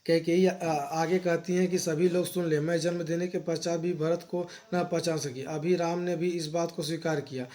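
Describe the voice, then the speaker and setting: A man teaching an exam lesson, reading verses slowly and then explaining them briskly. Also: a little high, level tone, mellow.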